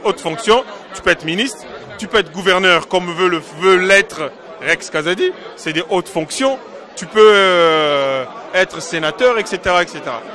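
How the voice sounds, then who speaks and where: A man's voice: high-pitched, animated, normal speed, sharp tone, some chatter behind. A man from Congo, a diaspora political activist, answering interview questions in an emphatic, insistent way and repeating his points.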